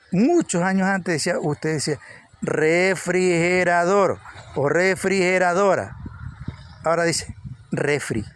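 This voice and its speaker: A man's voice: high-pitched, a little hiss or hum. A man preaching an informal Bible teaching, repeating words for emphasis. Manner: repeats words for emphasis, rising with energy at points.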